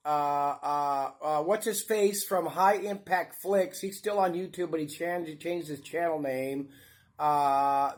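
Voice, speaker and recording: A man hosting his own channel, giving blunt, profane, rambling commentary. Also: high voice. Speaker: channel host. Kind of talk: ranting commentary.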